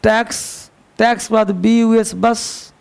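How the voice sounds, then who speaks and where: A man's voice: high-pitched, little pitch movement, takes it slowly, creaky, clean tone. A male English teacher with a Hindi-speaking North Indian accent, giving a classroom grammar lesson, spelling words out letter by letter and asking students questions he answers himself.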